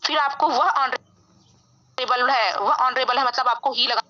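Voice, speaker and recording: High bright-voiced woman teaching grammar. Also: steady tone. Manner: explains slowly, keeps asking "है ना?". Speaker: English teacher. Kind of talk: classroom grammar lesson. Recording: dull lo-fi sound.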